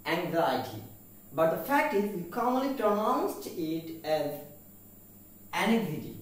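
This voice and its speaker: An English teacher runs a pronunciation lesson, spelling words letter by letter, repeating them, and asking "what is it?" while mixing Bengali and English. His voice sits high, with big pitch swings and drawn-out words. He's off-mic in a very echoey room.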